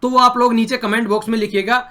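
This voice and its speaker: Young guy teaching online, talks fast and high, keeps repeating promises to students. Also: level tone, pushed and bright. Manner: earnest, repeats promises and appeals. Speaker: online exam-prep teacher. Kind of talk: lecture to viewers.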